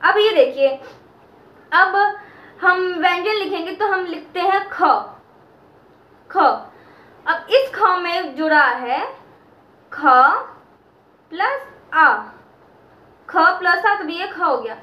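Teacher, female, very high bright voice, slow and patient delivery, echoey room. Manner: repeats key terms and draws out chanted sounds. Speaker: Sanskrit teacher. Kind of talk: slow explanatory lesson.

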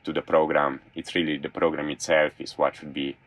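Young man, from Slovenia, non-native speaker, very deep voice, enthusiastic, casual video call. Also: flat delivery, a little fast, a bit bright, no room sound. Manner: enthusiastic, restarts sentences often. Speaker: guest, former college thrower. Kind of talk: casual interview chat. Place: small room in a camper van.

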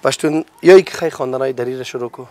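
On a city street, a man running a hidden-camera prank talks aggressively and threateningly in casual street speech. His voice is medium-pitched and slightly mellow, recorded dry.

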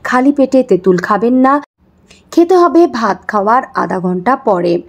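A woman, calmly explaining home remedies and speaking directly to the viewer in an instructional talk. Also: fairly high pitch, a little slow, vocal fry. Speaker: health and beauty tips presenter.

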